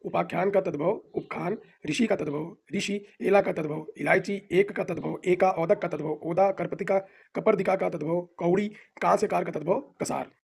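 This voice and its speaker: A man with an Indian accent teaching exam vocabulary, reciting lists of words quickly with short explanations and English phrases mixed in. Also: high voice, steady tone, gravelly, darkish tone, slight background noise. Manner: rapid list recitation with brief explanations; mixes English phrases into Hindi. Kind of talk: exam-prep vocabulary drill.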